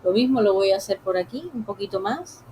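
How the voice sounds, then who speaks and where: Woman, gentle drawing tutorial, mid-pitched voice, faint background hiss. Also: expressive, rough recording. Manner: soft, unhurried, talks while drawing; addresses viewers directly. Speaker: drawing teacher. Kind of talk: live-streamed drawing lesson.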